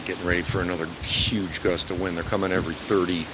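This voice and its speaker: Deep-voiced man in roaring outdoor wind. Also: little pitch movement, quick pace. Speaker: amateur storm watcher livestreaming. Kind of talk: casual live storm commentary. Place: outdoors in a yard at night during hurricane winds. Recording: loud wind buffeting the microphone, rustling leaves. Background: strong gusting wind, rustling trees.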